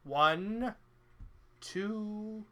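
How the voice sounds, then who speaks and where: A woman's voice: mid-range voice, very slow, sharp tone. A woman as a sideshow showman, doing jokey mock carnival-barker patter and laughing often.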